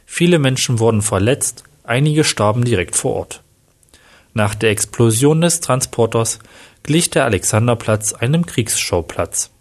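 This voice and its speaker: A man's voice: mid-range voice, expressive, unhurried. Man reading a crime story. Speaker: narrator.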